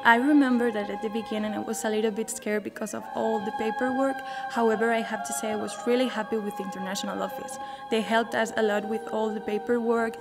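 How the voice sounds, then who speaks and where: A young woman from Spain talks to camera, tripping a little over her words. Her voice is fairly high, and loud music runs behind her. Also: steady tone, fast talker. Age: young adult. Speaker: exchange student.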